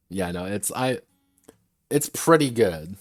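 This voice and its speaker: Medium in pitch and darkish in tone, a game designer talks loosely on a workshop stream from his desk, with no echo around him. He meanders through asides and frequently restarts what he's saying.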